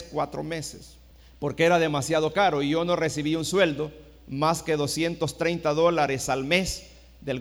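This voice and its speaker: Pastor preaching in a big hall. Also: male voice, fairly high pitch. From El Salvador. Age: middle-aged. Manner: storytelling, swings from hushed to shouted. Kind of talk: sermon.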